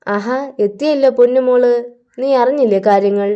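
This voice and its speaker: A woman's voice: fairly high pitch, moderate pace, mellow, clean tone, muffled recording, close to an everyday voice. A woman voicing a stern, scornful middle-aged father who lectures his daughter.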